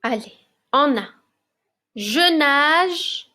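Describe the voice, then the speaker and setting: A woman teacher with a fairly high voice works through a spelling lesson at a very slow pace. She articulates each word with care and encourages the children between exercises. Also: lively intonation, pushed and bright. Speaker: primary school teacher. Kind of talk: slow, deliberate classroom dictation. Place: classroom recording for remote lesson.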